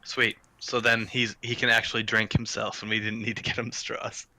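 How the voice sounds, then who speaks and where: A man's voice: lowish voice, flat delivery, normal speed, sharp tone. A man playing a tabletop game in casual chat, reacting enthusiastically. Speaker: player.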